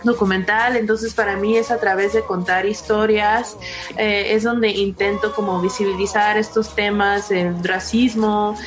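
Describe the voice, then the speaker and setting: A woman's voice: mid-range voice, flat delivery, unhurried, over music. A young woman from California, a documentary filmmaker, giving a thoughtful personal testimony in an interview. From California, United States.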